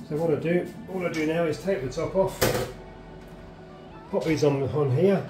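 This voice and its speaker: A man's voice: fairly high pitch, reverberant. A man giving plain, practical, chatty instructions on drying garden herbs at home. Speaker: gardener showing how to dry herbs. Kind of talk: casual how-to demonstration. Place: home kitchen, indoors.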